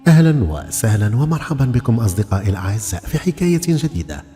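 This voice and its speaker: A man narrating a folk tale with dramatic, lively storytelling and voiced dialogue. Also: mid-range voice, rapid-fire. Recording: long reverb with faint music.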